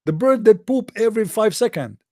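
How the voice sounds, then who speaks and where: A man hosts and reads a text aloud, breaking off for mocking, sarcastic asides and clearing his throat often. His voice sits fairly high. The recording is close and dry. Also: expressive, fairly quick, darkish tone, dry recording. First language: Arabic. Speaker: host. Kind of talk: sarcastic commentary while reading a text aloud.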